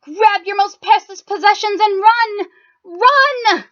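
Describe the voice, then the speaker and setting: A woman voicing loud, urgent townspeople in a children's story, on a dull, dry recording. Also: very high-pitched, unhurried, dry recording, voice pushed up. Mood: panicked. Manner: shouting, urgent. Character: panicked crowd of townspeople.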